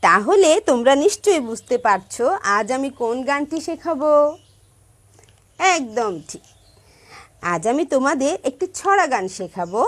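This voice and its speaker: A woman's voice: sits high, big pitch swings, moderate pace, long pauses. A woman music teacher giving a song lesson to primary school children, patiently stressing careful pronunciation and checking in with her pupils. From Bangladesh.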